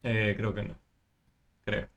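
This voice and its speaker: Patient low-voiced Argentine math tutor. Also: male voice, completely flat delivery, slow pace, gravelly, a bit bright, a little hiss or hum. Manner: patient, explaining step by step with many fillers. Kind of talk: online tutoring session.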